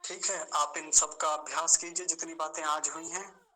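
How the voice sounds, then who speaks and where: A man teaching an online class on pronunciation, patiently explaining and slowly repeating sounds to demonstrate them, speaking over a video call. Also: fairly high pitch, little pitch movement, pushed and bright, rough recording. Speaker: Sanskrit teacher.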